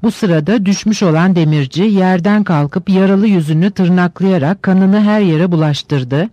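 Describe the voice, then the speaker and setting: A man reading a novel aloud in steady, measured scripted narration. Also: high-pitched, no room sound, lo-fi sound.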